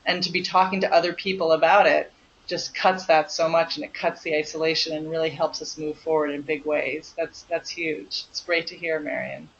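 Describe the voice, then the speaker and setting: A woman's voice: deep voice, flat delivery, moderate pace, a little hiss or hum. A woman leading a health course over an online call, encouraging and talky, with lots of fillers. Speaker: course leader, health coach. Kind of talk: coaching call with a participant. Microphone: online conference call. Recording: dull lo-fi call audio.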